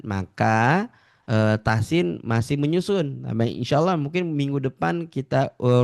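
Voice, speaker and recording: A man teaching Quran recitation in an online class, patiently drawing out and repeating sounds for his students. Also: medium pitch. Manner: slow drawn-out model recitation, repeating sounds; patient, addresses listeners as ladies and gentlemen.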